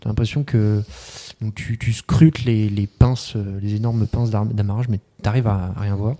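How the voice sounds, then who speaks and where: A man's voice: fairly low pitch, fairly even intonation, moderate pace, warm tone. A man improvising narration as the game master of a tabletop role-playing game, hesitant and often correcting himself as he describes scenes. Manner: hesitant, self-correcting, piecing descriptions together.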